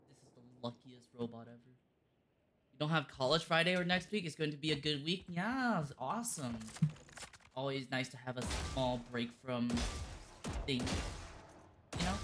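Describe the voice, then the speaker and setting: A woman chatting casually on a game livestream in a giggly, easily excited manner. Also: low voice, background noise. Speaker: livestreamer playing a shooter game.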